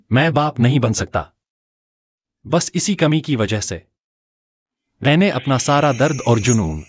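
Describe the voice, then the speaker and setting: An actor playing a poor, sensitive young male writer in a dubbed short drama, expressive and earnest. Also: mid-range voice, slightly rough, no room sound.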